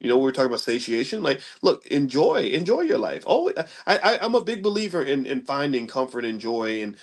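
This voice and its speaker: A man's voice: mid-range voice, very animated, fairly quick. A middle-aged man, casually explaining money ideas in a rambling style and often checking in with "right?". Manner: conversational, rambling with restarts, asks listeners "right?". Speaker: commentator on economics. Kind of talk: casual lecture-style talk.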